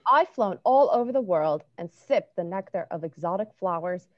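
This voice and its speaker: A woman reading aloud as a small, boastful hummingbird, with quick and eager delivery. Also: fairly low pitch, animated, no echo, lo-fi sound, close to an everyday voice. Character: small fast-talking hummingbird, boastful traveler.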